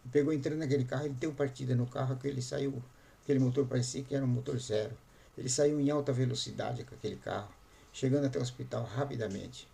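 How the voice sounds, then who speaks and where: Brief: man, pastor, repetitive, emphatic sermon storytelling, gravelly voice. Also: medium pitch, steady tone, quick pace, mellow.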